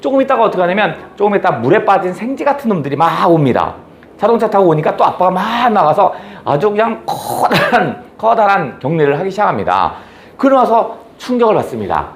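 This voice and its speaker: A man retells a novel's story as a lecture, his voice sitting slightly high. His pitch rises and falls in lively swings, and he keeps pausing to ask questions he then answers himself. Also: slight background noise. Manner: animated, asks rhetorical questions then answers them. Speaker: book lecturer.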